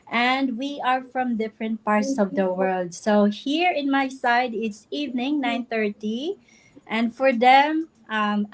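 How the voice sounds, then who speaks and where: A woman's voice: fairly high pitch, rough recording. A woman from the Philippines hosting a casual live chat, friendly and laughing between lines. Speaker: livestream host.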